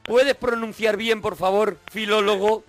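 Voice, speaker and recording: Male radio host, high voice, teasing and mock-stern, faint music behind. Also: steady tone, a little slow. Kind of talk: joking radio banter.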